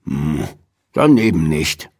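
A man's voice: fairly low pitch, huge pitch swings, unhurried, slightly rough, full character voice. A man voicing a grumpy older man in an audiobook, muttering and grumbling. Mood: sulky. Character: grumpy older man, city-hating zoo owner. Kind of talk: audiobook character voice.

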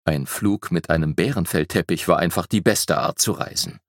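A man narrating a children's fantasy audiobook as a lively storyteller, shifting his pitch for emphasis. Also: moderate pace, gravelly, no room sound, studio quality.

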